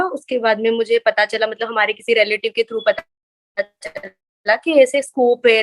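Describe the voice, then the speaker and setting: A young woman from India, a medical resident and interview guest, telling her stories in a lively, anecdotal way. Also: medium pitch. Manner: lively anecdotal storyteller, acts out others' lines. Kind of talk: casual interview storytelling.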